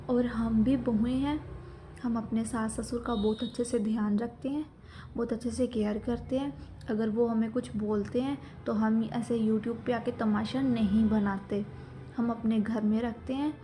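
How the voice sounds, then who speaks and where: Young woman, indignant lecturing monologue to camera, mellow slightly high voice, faint background noise. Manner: indignant, lecturing the viewers directly. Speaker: social media commentator. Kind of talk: opinion monologue.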